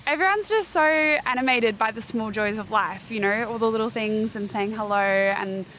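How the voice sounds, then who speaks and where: A woman's voice: mid-range voice, moderate pace, fairly bright tone, slight background noise. A woman with an Australian accent, chatting casually as a tourist in a street interview, full of "like" and "you know".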